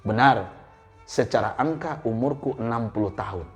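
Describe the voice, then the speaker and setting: A preacher voicing a calm, repentant businessman in his sixties, speaking slowly and evenly. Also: mid-range voice, soft background music, natural voice. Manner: calm, slow and measured.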